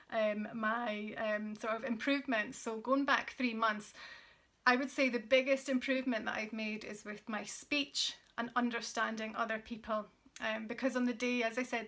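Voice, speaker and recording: Woman vlogger, fairly high and crisp-toned, earnest, chatty with fillers. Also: a bit bright. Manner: earnest and encouraging, many fillers. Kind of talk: casual talk to camera.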